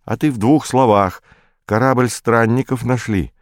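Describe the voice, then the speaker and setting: A man voicing a young man on the radio who talks hurriedly, half under his breath, in a higher voice. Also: a little slow, no room sound, clean studio sound, lightly acted.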